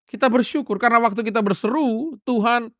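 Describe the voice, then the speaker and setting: A man's voice: extremely high pitch, brisk, dry recording, studio quality. A male pastor preaching a sermon emphatically and repeatedly calling out to the congregation.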